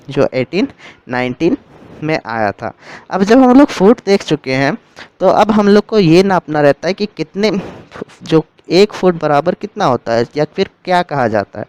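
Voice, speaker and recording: A man's voice: on the high side, darkish tone, clear, resonant tone, poor audio. A man teaching a literature lesson, explaining terms step by step and rephrasing them as he goes.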